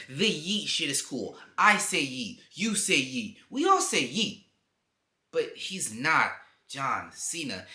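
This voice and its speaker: A man's voice: fairly high pitch, sharp tone. A young man ranting to camera about wrestling, heated and profane, with lots of emphasis. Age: young adult. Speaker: wrestling commentary vlogger. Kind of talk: opinionated rant to camera. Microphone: camera mic. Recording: echoey room.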